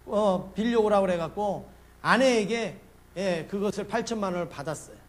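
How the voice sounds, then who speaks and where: High-voiced Korean pastor preaching. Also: male voice. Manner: asks the congregation questions and acts out a story with big swings in loudness. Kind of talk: sermon.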